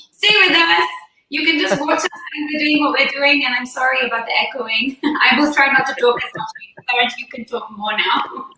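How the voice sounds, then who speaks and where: A woman with a high, pushed, bright voice hosts a live cooking demonstration from her home kitchen over a video call. She talks through each step in a chatty, friendly way at a moderate pace with fairly even intonation, sitting a little away from her phone or laptop mic. The room is very echoey, like a big hall, with faint hiss.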